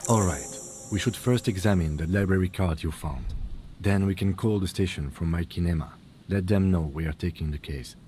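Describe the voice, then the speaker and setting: A low, mellow voice belongs to a calm and methodical police lieutenant, as a man plays him in a game. He speaks in a measured, precise, matter-of-fact way, with a faint hum of ambience behind him. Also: natural voice. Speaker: police partner. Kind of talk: game voice acting.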